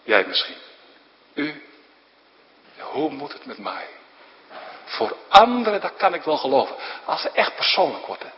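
A pastor preaching a sermon, pleading with his congregation, his voice swelling loud and then falling almost to a whisper. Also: on the high side, big pitch swings, normal speed, long pauses. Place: large church. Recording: dull lo-fi with long hall reverb.

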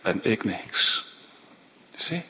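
A man preaching a sermon, moving between hushed slow passages and loud impassioned climaxes. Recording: dull recording in a reverberant church with faint hiss.

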